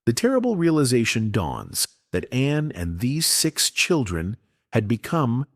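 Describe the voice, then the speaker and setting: A man giving a measured, dramatic scripted narration, recapping a story. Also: mid-range voice, wildly swooping pitch, no echo, clean studio sound.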